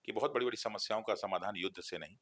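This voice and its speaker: Brief: emotional male teacher, low voice, quick delivery, fighting back tears. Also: a bit bright. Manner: impassioned, voice rising when moved. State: near tears. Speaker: coaching teacher on protest. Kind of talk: emotional interview answers.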